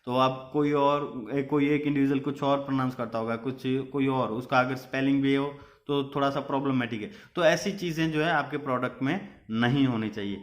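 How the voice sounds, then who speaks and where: A man's voice: mid-range voice, steady tone, fairly quick. A young man teaching a business studies lesson, explaining each point and checking in with the class. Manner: mixes Hindi and English, repeats points with "ठीक है". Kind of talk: classroom lecture.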